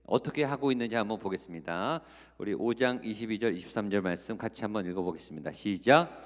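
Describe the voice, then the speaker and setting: A man's voice: fairly low pitch, quick pace. A man preaching a Korean sermon as a guest revival speaker, exhorting the congregation with rhetorical questions and acting out quoted voices. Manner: acts out quoted voices in the telling. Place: large church sanctuary. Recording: long hall reverb of a church sanctuary.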